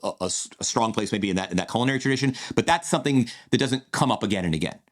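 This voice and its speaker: A man's voice: medium pitch, rapid-fire. A man co-hosting a podcast, chatting casually through a draft analysis with lots of restarts. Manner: rambling, many restarts and fillers. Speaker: podcast co-host.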